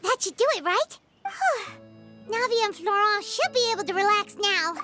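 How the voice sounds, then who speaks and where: Casting: tiny, excitable fairy sidekick in a game, extremely high squeaky voice, bouncy intonation. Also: female voice, moderate pace, faint music behind, exaggerated voice. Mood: relieved, excited. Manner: excitable, refers to self by name. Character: tiny childlike fairy companion, chirpy, excitable and easily scared. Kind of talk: video game voice acting.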